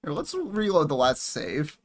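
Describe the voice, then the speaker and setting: A young man giving casual, excitable commentary over a strategy game, swearing and chatting with viewers. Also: fairly high pitch, measured pace. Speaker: gaming YouTuber.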